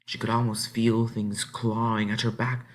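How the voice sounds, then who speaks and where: With a voice on the low side, a man narrates a children's book in a vivid storytelling style full of dramatic phrasing and elongated words.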